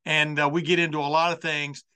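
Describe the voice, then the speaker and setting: A man's voice: fairly high pitch, little pitch movement, fairly quick, pushed and bright, clear, resonant tone. A man hosting a college football show with an unscripted monologue, folksy and rambling, often circling back over his phrases. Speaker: sports talk show host.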